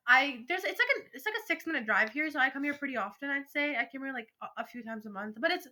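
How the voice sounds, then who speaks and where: A young teenage girl co-hosts a podcast, chatting and telling stories in an excitable, rambling way. Her voice sits high and sounds stuffy-nosed, and she talks fast.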